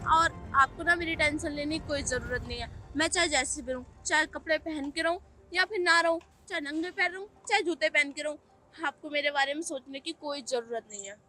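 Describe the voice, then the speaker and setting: A woman's voice: high voice, fairly quick, pushed and bright. A young woman playing a poor, earnest young woman who reproaches her ex-boyfriend in a web skit. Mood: reproachful. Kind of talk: Hindi web skit acting.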